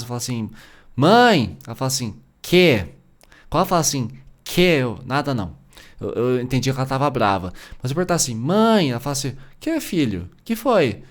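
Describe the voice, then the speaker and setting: Brazilian man, forties, quick chatty podcast host, loose asides and fillers. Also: mid-range voice. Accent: Brazilian Portuguese. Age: 40s. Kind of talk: casual solo podcast talk.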